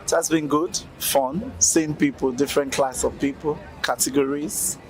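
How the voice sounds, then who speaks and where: A laid-back, joking man with a fairly high voice answers questions at an outdoor event. Crowd chatter fills the space around him. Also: fairly even intonation, moderate pace, low-quality recording. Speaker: gospel artist and fashion consultant. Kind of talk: interview answers.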